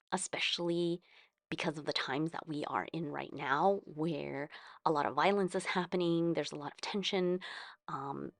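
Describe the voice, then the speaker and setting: Her voice is low-pitched, captured at studio quality with no echo, as this Californian woman with an American accent casually discusses journaling. She hosts a craft video in a meandering, chatty way, working through her thoughts aloud.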